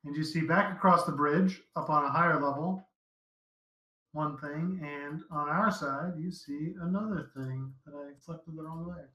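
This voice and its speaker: A man's voice: on the high side, normal speed, sharp tone, roomy sound, poor audio. A man narrating as dungeon master in an easygoing, casual way, full of fillers. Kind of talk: narrating a tabletop game.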